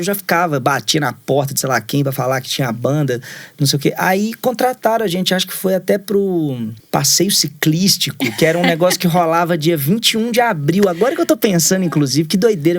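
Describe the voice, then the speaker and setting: A high-pitched Brazilian musician in his thirties, raised in Minas Gerais, chats casually as an interview guest. He rambles through stories, stuffing nearly every phrase with little fillers like "né" and "assim".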